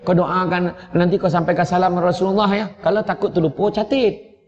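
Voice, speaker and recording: A man's voice: sits high, a little fast. A man with a Malaysian Malay accent giving a humorous sermon as a preacher, telling stories and acting out scenes as he goes. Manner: lively storyteller acting out scenes. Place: mosque or prayer hall. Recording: echoey hall, dull lo-fi sound.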